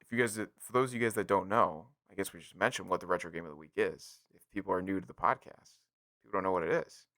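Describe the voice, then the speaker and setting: Co-hosting a laid-back gaming podcast, an American man keeps things jokey and informal and addresses listeners directly. He talks fast in a low, sharp voice with fairly even intonation, and the recording is dry.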